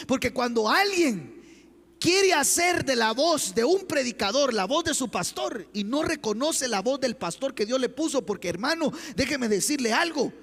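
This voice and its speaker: A man's voice: very high-pitched, fairly bright tone. A man preaching a sermon as pastor, impassioned and full of rhetorical questions, in a church. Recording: long church hall reverb.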